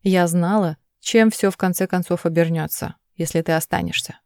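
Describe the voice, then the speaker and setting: A woman reading the lines of a desperate mother who pleads through tears, in a low, dry voice. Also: fairly even intonation, normal speed, darkish tone, dry recording, natural voice. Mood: tearful pleading. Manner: pleading, urgent. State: crying.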